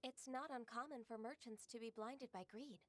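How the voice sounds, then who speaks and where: An actress voices a calm, composed young secretary in a video game, speaking gently, politely and with assurance. Her voice is natural and fairly high, at normal speed.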